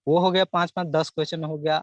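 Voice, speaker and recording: A man's voice: a little high, little pitch movement, quick pace, no room sound, highs cut off. A young man, giving earnest advice as a student guest in an interview, often repeating himself as he lists topics. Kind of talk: casual interview answers.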